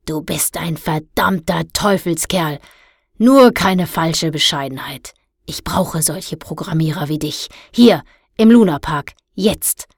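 A woman reading a storybook, voicing a loud, domineering male amusement park boss who booms and bosses people around. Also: slow pace, no room sound, studio quality, full character voice. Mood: booming. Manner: booming, bossy, overbearing.

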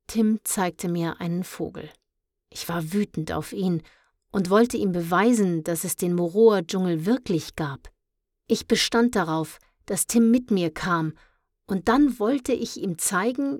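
A woman reading a children's story aloud in the first person, in a calm and measured way. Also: mid-range voice, no echo, clean studio sound. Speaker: audiobook reader.

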